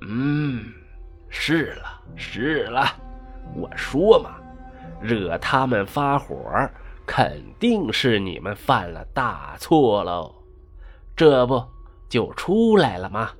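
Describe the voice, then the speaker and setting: An old village wise woman who bargains with a restless ghost, as a male storyteller puts her on. She talks slowly and lets her pitch rise and fall a lot as she scolds and coaxes. Faint music plays under her. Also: big pitch swings, full character voice. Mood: coaxing. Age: older. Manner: slow, measured, admonishing. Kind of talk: storytelling with character voices.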